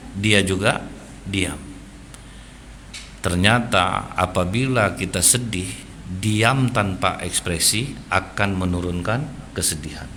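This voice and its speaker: A man preaching a sermon, telling stories in an animated way and often turning to address the listeners directly. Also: fairly low pitch, a little hiss or hum. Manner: animated storytelling, keeps addressing the congregation.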